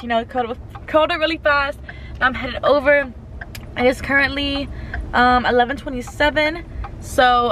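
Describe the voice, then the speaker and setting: A teenage girl talking casually to her viewers in a vlog, chatty and excited, filming herself on a handheld phone. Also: a little high, slight background noise. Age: late teens. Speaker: vlogger. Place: on the go, at home, in a car and at a friend's house. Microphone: handheld phone camera.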